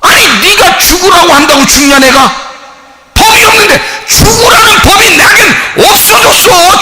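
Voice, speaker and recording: A male pastor preaching an emphatic sermon in a church, firing off rhetorical questions and often shouting. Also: very high voice, in a large hall.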